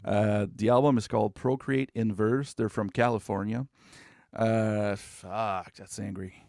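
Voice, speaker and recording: Gravelly man, rambling. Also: lowish voice, fairly even intonation, a little slow, darkish tone, dry recording, clean studio sound. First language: French. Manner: rambling, swears, laughs often. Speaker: podcast co-host. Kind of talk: casual chat about metal albums.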